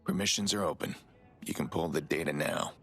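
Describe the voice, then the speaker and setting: An actor playing a grizzled, weary middle-aged vigilante in a video game, with a low gravelly growl and a terse, dry, guarded manner. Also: male voice, brisk, a bit bright, soft background music.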